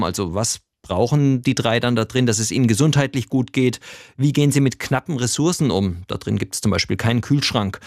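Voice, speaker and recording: A man with a gravelly, creaky voice explains a story for radio news in a relaxed, conversational tone. The sound is dry and close to the mic. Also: medium pitch, no room sound. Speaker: radio reporter.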